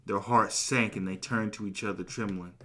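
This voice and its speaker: A man hosting a podcast, retelling a Bible story in a casual, slangy, animated way. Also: lowish voice, moderate pace. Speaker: podcast host.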